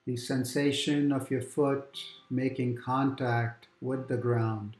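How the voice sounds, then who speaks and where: A man guiding a calm grounding meditation exercise, giving gentle, unhurried instructions with long pauses between phrases. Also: medium pitch, echoey room. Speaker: meditation guide. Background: quiet background music.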